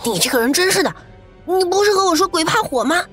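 High squeaky little boy voice, bold kid in a ghost story, talks fast and urgent. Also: expressive, fairly bright tone, soft background music. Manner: squeaky falsetto, urgent and quick. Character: young village boy, the narrator as a child, bold.

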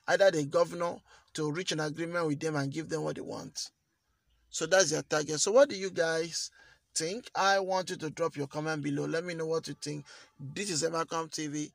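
A man's voice: on the high side, dry recording. A man giving earnest news commentary as a vlogger, often repeating phrases for emphasis. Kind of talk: commentary to camera.

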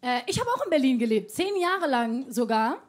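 A woman's voice: high-pitched, sing-song, normal speed, slight background noise. A woman performing a chatty stand-up routine on a comedy club stage, teasing the crowd. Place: comedy club stage before a live audience. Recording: faint music and crowd behind.

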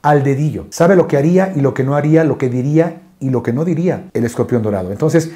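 A man with a Mexican accent, a dubbing voice actor talking in an interview and acting out quoted people in a much higher voice. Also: fast, warm tone. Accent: Mexican Spanish. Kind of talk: interview talk.

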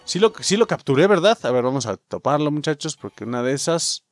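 A young man with a Mexican accent commentating his gameplay, cursing and yelping as the action heats up. His voice sits a little high and swings widely in pitch. Soft music plays under him. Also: a little fast, no room sound. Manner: excitable, swearing, yelps and shouts. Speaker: gaming youtuber.

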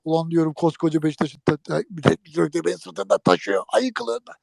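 A man's voice: fairly high pitch, quick pace, gravelly, dry recording. A man animatedly telling a funny anecdote to an interviewer, speaking right to his listeners. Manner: lively, jokey storytelling, addresses listeners directly. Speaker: guest telling an old prank story.

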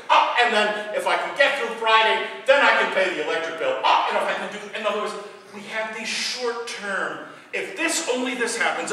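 Animated preaching man in echoey church. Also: high-pitched, far from the mic. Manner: animated preaching with big swings from loud to hushed. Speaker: priest. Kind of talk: sermon. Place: church sanctuary. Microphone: far camera.

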